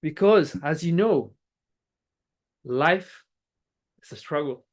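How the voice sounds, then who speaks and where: An Angolan club speech-giver, Portuguese by first language, takes it slowly through a prepared motivational speech in a mid-range voice. The tone is lively and emphatic, marked by repeated key phrases and restarted words.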